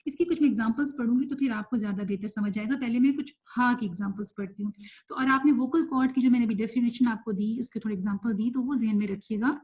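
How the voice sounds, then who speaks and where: Brief: young woman, tajweed teacher in a live online class, brisk explanations with English mixed in, slow drawn-out recitation of examples, fairly high voice. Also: darkish tone. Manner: explains quickly, then recites words slowly and drawn out; mixes in English words while teaching.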